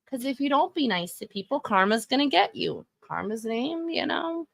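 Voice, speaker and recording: A Texan woman in her thirties streams live reviews of wrestling fashion, offering chatty, opinionated commentary and frequently correcting herself. Her fairly high, sing-song voice is creaky and fairly bright at normal speed, captured in studio quality with no echo.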